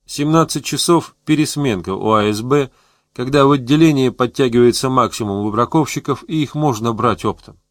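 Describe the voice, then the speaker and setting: A man's voice: mid-range voice, dry recording, clean studio sound. Man reading an audiobook. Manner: measured, steady reading. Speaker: audiobook narrator. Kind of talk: scripted narration.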